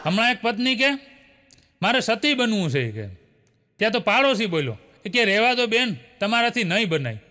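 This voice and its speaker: A man's voice: sits high, big pitch swings, fairly quick, sharp tone. A man, telling a string of short jokes in stand-up style and chuckling as he goes. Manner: storytelling with chuckles. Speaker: comedian. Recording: long hall reverb.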